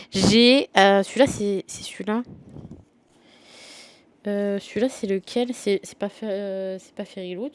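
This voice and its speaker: Chatty, slangy woman book vlogger. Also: medium pitch. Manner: chatty and slangy, rambling with many fillers. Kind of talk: casual book review chat.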